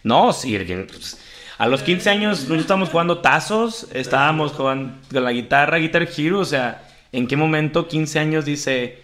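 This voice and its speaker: A man's voice: on the high side, moderate pace, a bit bright. A man hosting a casual podcast chat, teasing and rambling with restarts. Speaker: podcast host.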